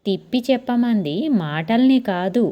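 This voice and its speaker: A woman's voice: expressive, moderate pace, warm tone, lightly acted. A woman voicing a snappy, jealous young wife. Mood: sharp. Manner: snappy, raised pitch. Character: quick-tempered young wife, sharp and jealous.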